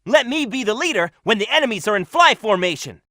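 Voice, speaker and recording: A man's voice: high-pitched, animated, fast talker, sharp tone, no echo, studio quality, exaggerated voice. A man voicing a cocky, daring young hedgehog hero in a video game, with a breezy, confident manner. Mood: confident, helpful.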